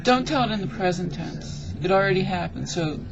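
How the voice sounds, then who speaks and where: A woman's voice: medium pitch, expressive, fairly quick, vocal fry, lo-fi sound. Bossy woman interrupting with notes. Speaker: director of the joke.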